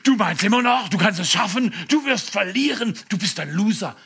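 A man's voice: sits high, animated, moderate pace, creaky, fairly bright tone, breathy edge, heavily acted. A man voicing taunting dogs of doom in a sermon, jeering and raised. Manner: jeering, mocking.

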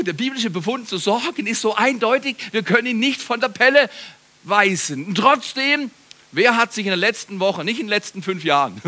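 A middle-aged man preaching a sermon to a congregation, animated, swinging between loud appeals and hushed passages, often asking the listeners questions. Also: sits high. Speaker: pastor. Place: church service before a live congregation.

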